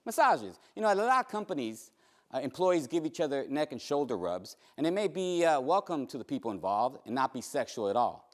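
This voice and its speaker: A man's voice: mid-range voice, sing-song, brisk. Emphatic male trainer. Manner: emphatic, joking, swooping emphasis. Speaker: workplace trainer. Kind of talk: training presentation.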